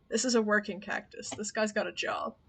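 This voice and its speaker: A woman's voice: mid-range voice, vocal fry, breathy edge. A woman streamer talking casually to her chat while playing a game, chatty and rambling, often laughing.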